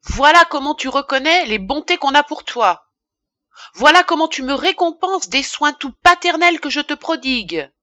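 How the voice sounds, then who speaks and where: Audiobook figure: woman reader doing an irascible, self-important male pharmacist, loud indignant tirades, bright tone. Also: mid-range voice, expressive, measured pace, dry recording. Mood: ranting. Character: pompous middle-aged male apothecary, irascible.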